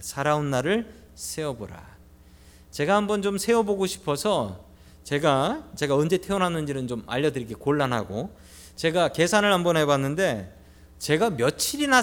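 Animated Korean pastor preaching in a reverberant hall. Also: male voice, a little high. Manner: animated preaching, drops to soft whispers for emphasis. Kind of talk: sermon. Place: church sanctuary. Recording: long reverb of a church hall.

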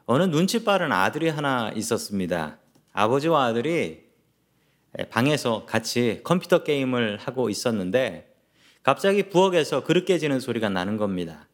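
A man's voice: medium pitch, big pitch swings, moderate pace. A male pastor delivering a Sunday sermon, telling a story and asking the congregation questions.

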